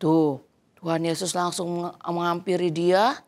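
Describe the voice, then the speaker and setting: A woman telling a Bible story to children in an animated teaching voice. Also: fairly low pitch, unhurried. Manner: animated storytelling, acting out quoted lines. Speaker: Sunday school teacher.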